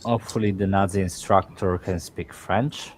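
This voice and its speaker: A man's voice: deep voice, steady tone, normal speed, slight background noise. A man playing in a tabletop game, chatting loosely and swearing casually. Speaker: player.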